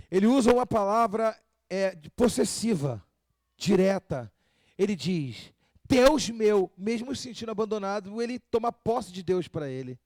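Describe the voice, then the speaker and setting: A man preaches in a high voice, the sound dry and close. He fires rhetorical questions at the congregation and slips into the voices of the people and prayers he quotes. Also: darkish tone, dry recording. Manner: acts out quoted speakers and prayers. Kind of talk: sermon.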